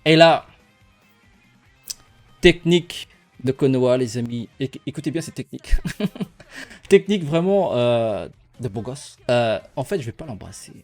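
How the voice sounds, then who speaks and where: A man's voice: mid-range voice, animated, measured pace, long pauses, faint music behind. A young man casually telling a personal story to his viewers, rambling and playful, laughing often as he goes.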